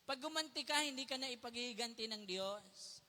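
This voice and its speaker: A man from the Philippines preaches with a high, sharp voice. He speaks in a conversational way, often asks his listeners questions and switches into English phrases. His voice rings out with a long reverb, as in a large hall. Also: normal speed. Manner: mixes English phrases into Tagalog. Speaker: pastor. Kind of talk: sermon with a personal story.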